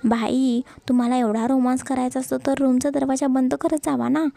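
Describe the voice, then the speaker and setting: A woman's voice: sits high, little pitch movement, normal speed, creaky, warm tone. A woman voicing a cheeky, teasing younger brother in a romance story. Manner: cheeky, joking.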